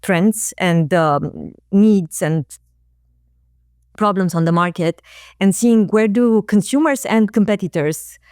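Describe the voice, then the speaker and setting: A woman, a guest talking casually and reflectively in an interview, often pausing on fillers and restarting phrases. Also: medium pitch, darkish tone, clear, resonant tone, dry recording, studio quality. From Romania. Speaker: guest, marketing executive.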